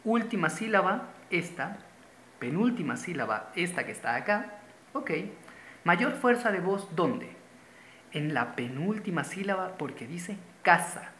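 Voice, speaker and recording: A man's voice: high voice, fairly bright tone, slight background noise. A man from Venezuela, teaching a grammar lesson patiently, repeating key terms and pointing at a board. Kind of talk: classroom-style grammar lesson. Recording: roomy echo.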